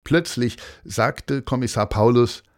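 A man reading a children's story aloud in an expressive storytelling manner. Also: mid-range voice, slow pace. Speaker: narrator.

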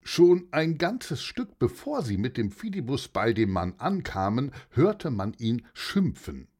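A man narrating a children's audio story in an expressive, playful way. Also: medium pitch, a little slow.

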